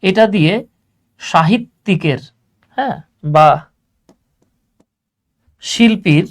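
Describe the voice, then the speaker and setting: This young man's voice is high-pitched and slow as he leads an online English grammar lesson. Chatty throughout, he keeps saying "হ্যাঁ", offers small affirmations, and blends English terms into Bengali.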